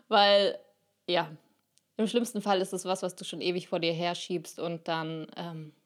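A woman talking through a solo podcast episode in a loose, chatty way. She fills her speech with small fillers and slips briefly into playful made-up voices to act out her thoughts. The delivery is relaxed and personal, addressed straight to the listener. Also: lowish voice, unhurried. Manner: chatty, uses filler words and acted inner voices. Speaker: podcast host. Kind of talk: casual solo podcast talk.

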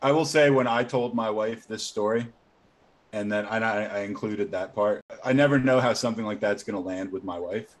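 A man hosting a casual chat, relaxed and amused in his reactions. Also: lowish voice, normal speed.

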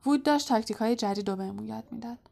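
A woman voicing a guarded teenage wizard boy in a soft, hushed way. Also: fairly high pitch, gravelly.

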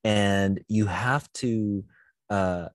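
A man's voice: lowish voice, very slow, no echo. A man, a pastor, talking through a Bible passage in a thoughtful, searching way. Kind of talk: conversational Bible discussion.

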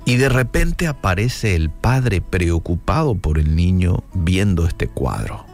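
A man narrates a devotional story at a very slow, deliberate pace, with a lower voice and lively rises and falls in pitch. He talks straight to his listeners, dramatic and measured, as faint guitar music plays underneath. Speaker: devotional radio speaker.

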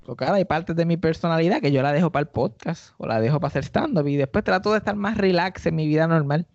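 Man, Puerto Rican accent, gravelly voice, fairly high pitch, lively storytelling, dry dull podcast sound. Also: quick pace, no echo. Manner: animated, acts out quoted people in high voices. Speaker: podcast host and stand-up comedian. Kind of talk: casual comic storytelling.

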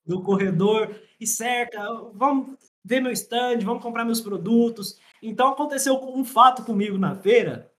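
A podcast guest from Minas Gerais, Brazil, speaking with a mild Mineiro accent, tells stories and explains salon finances in casual conversation, repeating his points for emphasis. His voice is very high-pitched and fairly bright, at a normal speed with few pauses.

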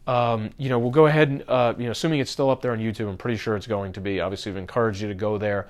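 A man's voice: fairly low pitch, steady tone, rapid-fire. A man hosting a podcast, talking casually about marketing to his listeners, with many fillers and restarts. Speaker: podcast host.

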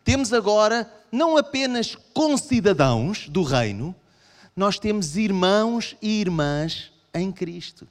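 A male preacher with a European Portuguese accent delivers a sermon, his pitch swinging widely as he voices imagined objections from the pews. His voice sits a little high for a man. The sound carries a long reverb from a large church hall. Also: a little slow. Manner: animated, acts out voices of the congregation in raised pitch.

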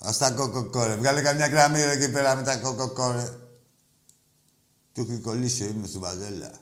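Male sports radio host, brash and mocking, loud outbursts dropping to muttered asides. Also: medium pitch. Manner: mocking and insulting callers, shouting in bursts. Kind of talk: rowdy call-in radio banter.

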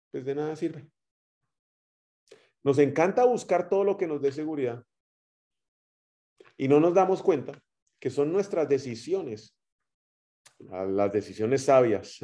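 Warm-voiced Guatemalan preacher man. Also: mid-range voice. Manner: storytelling with rising and dropping loudness. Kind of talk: sermon.

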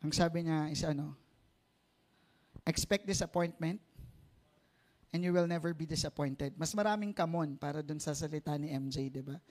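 Higher-voiced Filipino man preaching in Taglish. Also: a little fast, long pauses, darkish tone. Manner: switches between Tagalog and English; conversational, seeks agreement with rhetorical tag questions. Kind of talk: sermon.

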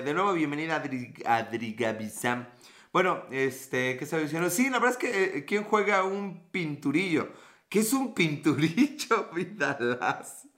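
A man's voice: a little high, sharp tone. A man with a Mexican accent, live streaming and chatting casually with viewers, greeting them and answering their comments in slangy, profane talk.

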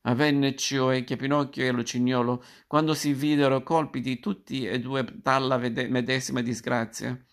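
A man reading a classic fairy tale aloud, narrating in a measured, expressive storytelling manner. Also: medium pitch.

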